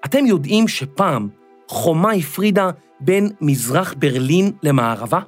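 A man's voice: on the high side, lively intonation, soft background music. A man doing a patient schoolteacher. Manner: patient and explanatory. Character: schoolteacher explaining to her class.

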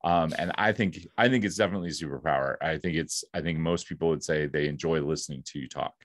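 A man's voice: rumbling low, fast. A man hosting a podcast interview, asking questions and offering upbeat encouragement like a speaking coach. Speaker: podcast host. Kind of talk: casual interview.

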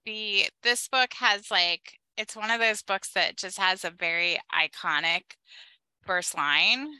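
A woman co-hosting a casual book chat podcast, chatty and quick to laugh, with a slight lisp from a cemented dental bridge. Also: mid-range voice, pushed and bright, clear, resonant tone, dry recording, rough recording. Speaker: podcast co-host.

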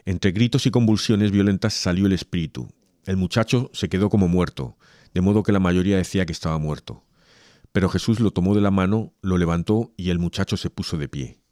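A man reads a Gospel passage aloud, then, as co-host, chats casually about faith, hesitating, restarting, and laughing as he goes. His low-pitched voice is mellow and fairly quick, captured in clean studio sound with no room sound.

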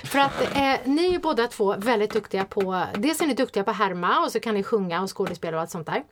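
A woman hosts a casual chat at a mid pitch. She is chatty and keeps the talk moving with short affirmations. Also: animated, slight background noise. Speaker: host. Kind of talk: casual interview.

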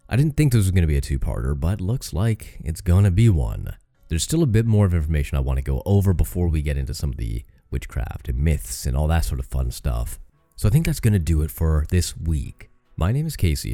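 Deep-voiced man narrating a true-crime podcast. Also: mellow, no echo, clean studio sound. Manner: reads case notes, then adds joking asides; swears casually. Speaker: podcast host.

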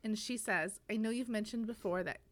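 A woman co-hosting a podcast, talking through a book in a relaxed, conversational way. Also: mid-range voice, a little fast. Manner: relaxed, conversational, many fillers. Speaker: podcast co-host. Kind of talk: casual book discussion.

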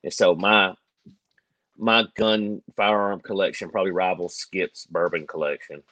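A man's voice: low voice, fairly even intonation, unhurried, bright, forceful tone, no echo. A man co-hosting a podcast, rambling and joking in casual chat, often laughing as he talks. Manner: rambling, jokey, laughs easily. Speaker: podcast co-host.

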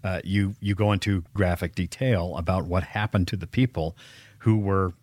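A man hosting an interview, asking measured questions. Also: deep voice, fairly even intonation, darkish tone, no echo, studio quality. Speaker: interview host.

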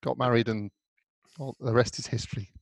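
A man's voice: mid-range voice, fairly even intonation, fairly quick, gravelly, no echo. A man co-hosting a podcast, chatting in a playful, joking, easygoing way. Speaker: podcast co-host. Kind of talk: casual podcast chat.

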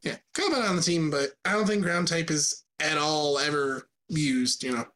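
Joking podcast co-host, halting speech. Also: mid-range voice, steady tone, fairly bright tone. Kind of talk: casual chat.

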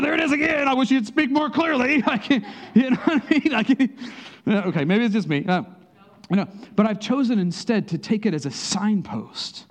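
A man preaching a sermon as pastor, talking conversationally, rising in bursts of emphasis and dropping to a soft near-whisper in prayerful moments. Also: mid-range voice.

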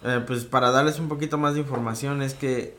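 A man co-hosting a casual chat, halting and restarting, laughing along. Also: mid-range voice, fairly even intonation, a bit bright, slight background noise. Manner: hesitant, frequent restarts, laughing. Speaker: podcast co-host.

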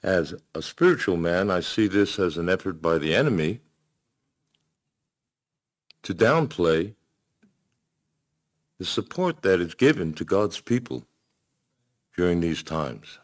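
A man delivers a sermon in a deep, low voice. He speaks in measured, emphatic phrases and pauses between his points. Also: animated. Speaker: pastor.

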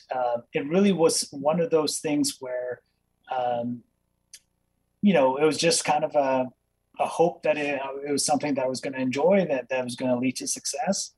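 A man who grew up in Kenya talks as a guest over a video call, earnest and reflective, pausing often on fillers. His voice is husky at a middle pitch. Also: a little mellow, poor audio. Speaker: dentist, interview guest. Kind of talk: casual interview.

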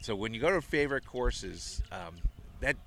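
Animated and creaky, this middle-aged man's medium-pitched voice has a slightly bright quality and moves at a moderate pace over a bit of hiss or hum. An avid golfer, he's a guest on a golf podcast, telling chatty, rambling stories in a casual interview.

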